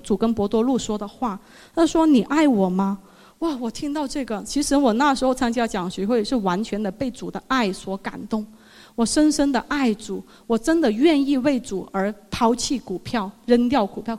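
A woman's voice: on the high side, a little mellow. Woman, churchgoer giving testimony; emotional, repetitive, earnest delivery in a hall with long reverb. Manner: earnest, halting, repeats words.

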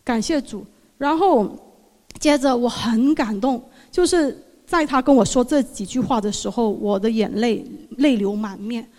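A woman giving an emotional religious testimony, earnest and halting, often repeating her words. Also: fairly high pitch, darkish tone. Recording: long reverb of a hall.

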